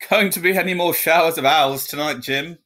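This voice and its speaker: A man voicing a formal, drily humorous television newsreader in a storybook reading, announcing in a measured manner. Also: fairly high pitch, pushed and bright, voice pushed up. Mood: formal, wry.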